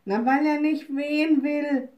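A woman's voice: high voice, steady tone, measured pace, muffled recording, voice pushed up. A woman voicing poor, worried old wood-gathering women in a storybook, speaking plaintively. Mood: complaining.

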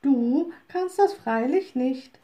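A woman voicing a young, cheerful and bold little witch in a storybook, lively and confident. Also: sits high, slow, pitched above the performer's own voice. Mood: knowing.

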